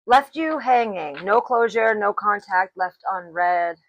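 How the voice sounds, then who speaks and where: A woman giving a tarot reading, speaking slowly and deliberately and clearing her throat now and then. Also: mid-range voice, expressive, dry recording, lo-fi sound. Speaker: tarot reader.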